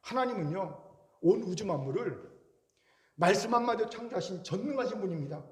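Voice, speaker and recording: A man preaches in a church with a high, lively voice that swings up and down as he acts out quoted voices. His sound carries the long echo of a large sanctuary. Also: a little fast. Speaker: pastor. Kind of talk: sermon. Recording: echoey church hall.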